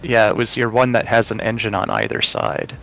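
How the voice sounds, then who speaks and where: A man's voice: fairly low pitch, sing-song, fairly quick, vocal fry, a bit bright, slight background noise, rough recording. A man chatting drily while playing a game with a friend, teasing and questioning him. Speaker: co-host and player. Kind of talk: casual gameplay chat.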